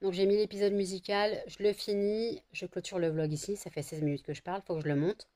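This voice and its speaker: Chatty French woman vlogging, lowish voice. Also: fast talker, dark tone. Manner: chatty, rambling, many fillers. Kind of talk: casual vlog chat.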